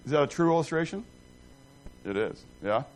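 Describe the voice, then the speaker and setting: Over poor audio, a middle-aged man with a slightly high voice teaches a Bible class at a moderate pace. He's animated and self-deprecating, drifting through tangents as he questions and jokes with the group.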